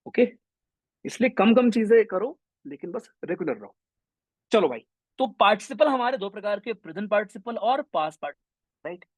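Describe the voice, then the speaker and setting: Brief: young male grammar tutor, high voice, lively classroom energy, dry close mic. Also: normal speed, no room sound. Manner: energetic, mixes Hindi with English terms, addresses students as brothers. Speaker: English grammar teacher. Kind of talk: online exam-prep class lecture.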